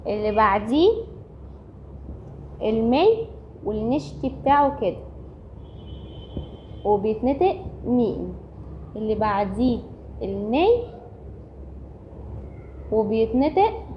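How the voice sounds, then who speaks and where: Egyptian woman teaching in a slightly high voice. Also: lively intonation, slow, long pauses, slight background noise. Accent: Egyptian Arabic. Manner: patient, repeating each point step by step. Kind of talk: recorded language lesson. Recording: dull lo-fi recording.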